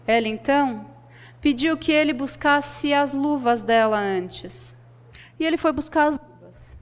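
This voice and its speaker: A woman telling a folk tale aloud with expressive delivery, dramatic pauses and a shifting pace. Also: high-pitched, in a large hall. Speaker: storyteller. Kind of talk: oral folk-tale storytelling.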